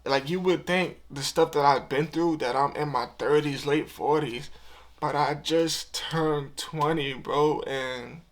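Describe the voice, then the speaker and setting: A man's voice: a little high, takes it slowly. A young man of twenty talking to camera in a heartfelt, emotional vlog, earnest and casual, often repeating himself. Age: 20s. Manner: casual slang-filled talk. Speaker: YouTuber.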